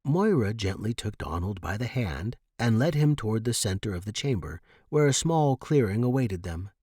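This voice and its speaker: A man narrating a short story in a measured voice, doing all the figures himself. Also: on the low side, sing-song, dark tone, slightly rough, no echo, studio quality. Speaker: audiobook narrator. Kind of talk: scripted narration.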